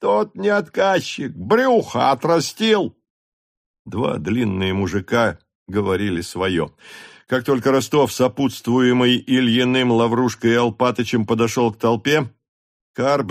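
Man, audiobook narration, measured, steady, gravelly voice. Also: mid-range voice. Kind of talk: literary audiobook reading.

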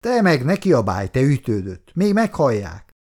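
A man voicing a jovial army lieutenant who teases his friend loudly and heartily in an audiobook. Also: medium pitch, big pitch swings, gravelly. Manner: loud, mocking, hearty. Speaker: platoon lieutenant.

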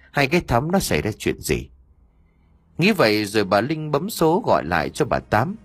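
A man reads a dramatic story aloud in a husky voice. His pitch swings widely as he tells it. The recording is dry and close. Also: no echo. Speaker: narrator. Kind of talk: audiobook story narration.

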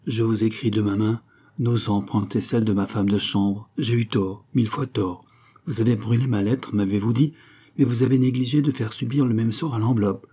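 A man's voice: on the low side, steady tone, moderate pace, mellow, close to an everyday voice. A man reading aloud the letter of an anxious noblewoman to her lover, fervent and urgent.

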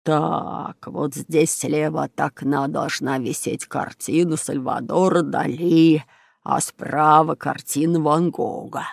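A woman voicing a sulky, bearded male art thief in a children's audiobook, talking slowly and grumbling. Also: low-pitched, steady tone, gravelly, no echo, studio quality, exaggerated voice. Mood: scheming.

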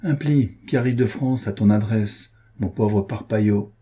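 A man's voice: on the low side, a little slow, mellow, breathy edge. A man reading as a proud young marquis. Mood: bantering.

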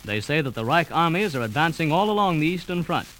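A man reading a 1939 radio news bulletin in a formal, measured way. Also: a little high, sing-song, fairly bright tone, a little hiss or hum, rough recording. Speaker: news announcer.

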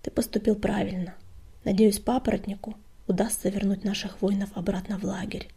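A woman voicing a stern female cat clan leader who speaks in a calm, firm way in a storybook reading. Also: medium pitch, a little fast, vocal fry, husky.

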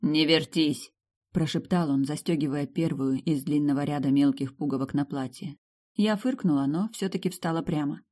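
A woman reading a first-person romance fantasy novel aloud as an audiobook narrator, with lively shifts in tone. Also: sits low, brisk. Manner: lively, sharp tone shifts between quips and narration.

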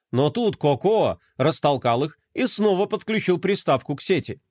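A man narrating a children's story in an expressive storytelling way. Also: on the high side, no echo, clean studio sound.

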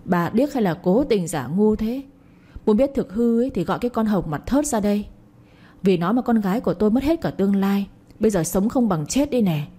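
A woman voicing an older village mother who furiously shouts curses and accusations at her neighbors. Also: medium pitch, expressive, fairly quick, husky.

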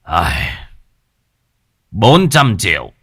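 A man voicing a shrewd exorcist master who speaks in a measured, authoritative way. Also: on the low side, sing-song, fairly bright tone, husky, heavily acted. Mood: calm. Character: shrewd male exorcist master, calm and mercenary.

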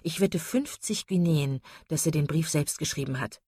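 A woman voicing a charming young gentleman in a read-aloud novel, sly and scoffing. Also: low voice, normal speed, slightly rough, no room sound, studio quality. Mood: mocking.

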